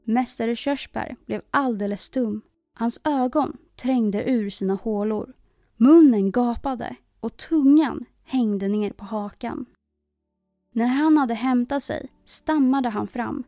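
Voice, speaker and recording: A woman reading a children's fairy tale aloud in an expressive storyteller style. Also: fairly high pitch, no echo, soft background music. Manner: expressive, emphatic repetition.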